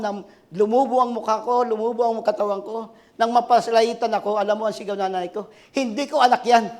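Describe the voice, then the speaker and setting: Older pastor guy in his 60s, really high voice, yells then drops soft, keeps asking the crowd. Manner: preaching with sudden shouted climaxes and dropped quiet asides; asks the congregation for responses. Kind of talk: sermon.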